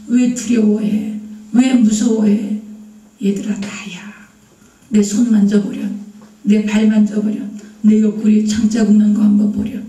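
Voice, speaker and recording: A woman voicing a gentle, patient Jesus figure in a sermon, coaxing softly. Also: mid-range voice, natural voice. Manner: coaxing, soft questioning. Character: gentle risen Jesus, patient teacher man. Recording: roomy, from a distance.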